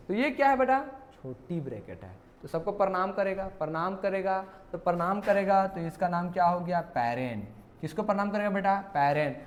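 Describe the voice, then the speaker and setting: A male teacher, walking students through exam questions. He talks playfully and keeps asking questions back to the class. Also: high-pitched. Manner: playful, repeats questions to students, calls them "beta". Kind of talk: exam question walkthrough lesson.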